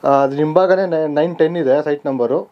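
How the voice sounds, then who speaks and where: A man's voice: fairly high pitch, quick pace. A man guiding a walking tour of vacant residential plots, listing figures plainly with frequent "aa" fillers and self-corrections, recorded outdoors on a camera mic. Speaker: real estate guide touring sites. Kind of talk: walking site-tour narration. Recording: slightly dull camera audio with faint outdoor ambience.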